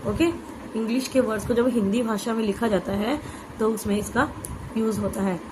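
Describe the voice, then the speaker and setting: A woman teaching an exam-prep grammar lesson, explaining patiently, saying "okay" often and spelling out letters slowly. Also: fairly high pitch, fairly even intonation, noisy background.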